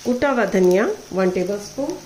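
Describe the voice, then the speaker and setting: A woman, hosting a cooking show, calmly talking through a recipe step by step. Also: medium pitch, moderate pace, slight background noise, low-quality recording. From Pakistan. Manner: calm, methodical, checks in with "ठीक है". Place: home kitchen. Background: frying and stirring sounds.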